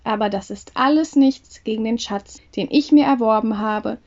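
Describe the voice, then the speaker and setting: A woman's voice: on the high side, normal speed, a little mellow, dull audio, close to an everyday voice. A woman reading a fairy tale, voicing a confident young male craftsman in an earnest, declaiming way.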